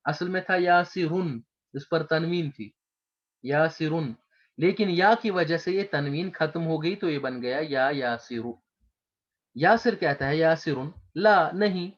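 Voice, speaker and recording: Male grammar teacher, unhurried and patient, repeats terms for students; dull lo-fi recording. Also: fairly high pitch. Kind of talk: slow explanatory lecture.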